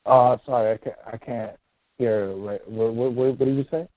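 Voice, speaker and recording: A man calling in to a show, his voice muffled as if through a wall, halting and repeating words. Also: medium pitch, steady tone, dry recording. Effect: muffled phone line, as if through a wall. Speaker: caller. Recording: muffled tinny phone line.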